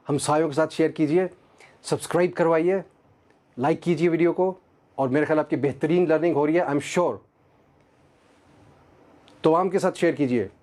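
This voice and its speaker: A man, an English teacher giving a pronunciation lesson, repeating each word slowly and carefully. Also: a little high, darkish tone. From Pakistan. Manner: repeats words slowly and deliberately.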